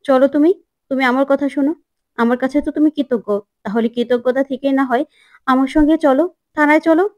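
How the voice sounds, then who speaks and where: A woman voicing a gentle, caring young woman who pleads softly and earnestly. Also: sits high, fairly even intonation, fast talker, dry recording, lightly acted. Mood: pleading. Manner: soft, quiet, earnest pleading.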